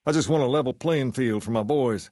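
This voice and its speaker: A male actor plays an easygoing video game gang boss who carries himself like rock-and-roll royalty. He sits at a middling male pitch and talks in a measured, folksy, colloquial way. The sound is dry and close, and he comes across as sure of himself. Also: a little mellow, no room sound, natural voice. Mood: businesslike, confiding. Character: easygoing, self-assured gang leader styled as a rock-and-roll king. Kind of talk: scripted game character dialogue.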